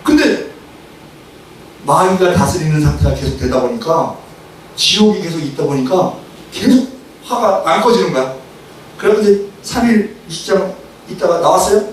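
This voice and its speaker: Middle-aged male preacher, high voice, lively storyteller who bursts into shouts, recorded far off in a reverberant hall. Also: moderate pace, long pauses. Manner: animated storytelling, acts out quarrels with sudden shouts. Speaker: seminary professor preaching. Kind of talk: sermon with acted anecdotes. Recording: echoey hall, far from the mic, faint noise.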